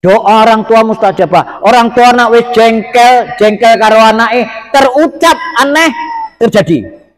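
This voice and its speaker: High-voiced man preaching with humor. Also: unhurried. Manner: lively storytelling with humor. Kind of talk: religious lecture.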